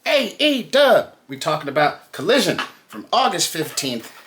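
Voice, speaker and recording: A man co-hosting a wrestling podcast, opening with a showy sing-song welcome and then recapping matches in relaxed, casual chat. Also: a little high, moderate pace. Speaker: podcast co-host.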